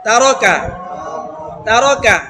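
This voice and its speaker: A man teaching Quran reading in a classroom with a Bangladeshi Bengali accent, patiently quizzing students and chanting examples. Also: extremely high pitch. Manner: patient, questioning drills, chants examples slowly. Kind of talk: classroom recitation lesson. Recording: noisy room recording.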